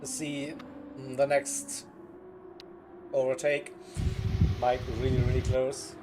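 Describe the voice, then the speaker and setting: A man with a German accent, a native German speaker, doing relaxed, chatty live commentary on a sim race. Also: medium pitch, slow pace, music in the background. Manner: relaxed, chatty, laughs often. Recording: clear background noise.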